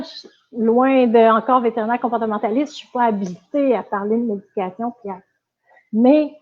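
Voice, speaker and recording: A woman with a Quebec French accent, giving a casual live-stream lesson as a dog trainer, chatty with many fillers and restarts. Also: fairly high pitch. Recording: tinny phone-like audio.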